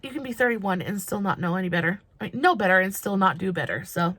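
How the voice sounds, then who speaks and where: A woman's voice: medium pitch, animated, quick pace, fairly bright tone, a little hiss or hum. Gushing woman doing makeup. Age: 30s. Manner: chatty and gushing, with fillers. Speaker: makeup vlogger. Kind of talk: casual makeup tutorial.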